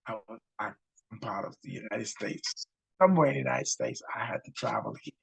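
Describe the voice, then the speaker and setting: A man's voice: medium pitch, expressive, a little fast, gravelly, a bit bright, breathy edge, poor audio. An older Bahamian man hosting a casual travel talk to camera, enthusiastic and repeating himself as he goes. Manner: chatty and enthusiastic, repeats words. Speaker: host. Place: indoors with a virtual city backdrop. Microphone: webcam framing, head and shoulders.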